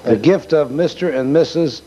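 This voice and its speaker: A man's voice: on the high side, moderate pace, mellow, dull audio, slight background noise. A man hosting a casual local interview who asks short questions and interjects between stories. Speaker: host.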